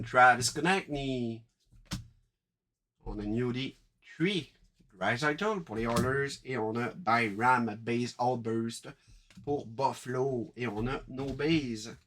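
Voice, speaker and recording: A man with a Quebec French accent hosting a live card-break stream, chatting briskly and calling out each card as he opens packs. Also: mid-range voice, fairly bright tone, slight background noise.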